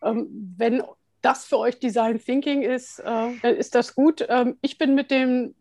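Woman guest, chatty and laid back, lots of little pauses, a bit high, dry close mic. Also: fairly even intonation, a little mellow, dry recording. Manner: chatty with frequent hesitations and light laughter. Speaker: guest, head of continuing education at a central bank. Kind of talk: relaxed conversational interview answers.

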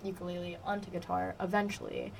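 A woman's voice: on the low side, flat delivery, fast talker, vocal fry, slight background noise. Giggly young woman musician, rambling. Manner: giggly, rambling, many fillers. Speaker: musician guest. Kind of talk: casual interview chat. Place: college radio studio. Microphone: studio microphone.

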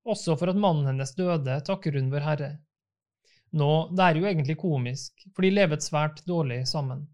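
A man reading the part of an old prince, a father who is mocking yet courteous, in a dry, gently ironic manner. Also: a little high, close to an everyday voice.

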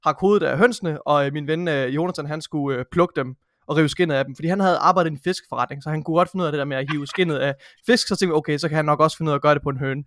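A man's voice: on the high side, few pauses, a bit bright, no room sound, clean studio sound. A man co-hosting a casual podcast, telling a story in a matter-of-fact way. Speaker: podcast co-host. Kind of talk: casual chat.

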